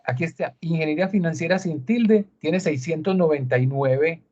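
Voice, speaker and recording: Over a dull, low-fidelity video call, a man with a Colombian Spanish accent leads a screen-share lesson, going step by step and tossing out rhetorical questions. His voice sits a little high, somewhat mellow, at normal speed.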